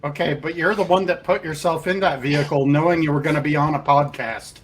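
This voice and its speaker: A man's voice: a little high, fairly even intonation, brisk. A man on a podcast panel in a live debate, putting questions in an insistent, probing way.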